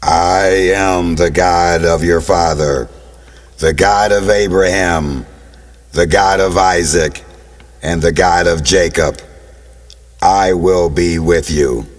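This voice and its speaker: A man doing God's magically booming voice. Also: steady tone. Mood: solemn. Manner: loud, slow, commanding. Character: booming voice of God from a burning bush. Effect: magically amplified, booming voice with long reverb. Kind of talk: children's Bible story acting.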